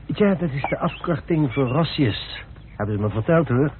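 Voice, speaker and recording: In a Dutch radio drama, an actor plays an eccentric male house owner who is chatty, courteous and effusive, sounding eager and hospitable. His medium-pitched, natural voice moves at a moderate pace with lively intonation, and the old recording is tinny and noisy.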